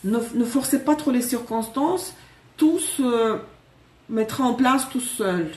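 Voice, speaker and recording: A woman's voice: on the high side, lively intonation, slow pace, a little mellow, reverberant, distant mic. A woman from Russia with a Russian accent, chatting casually through a live tarot reading, correcting herself and joking as she goes. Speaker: tarot reader.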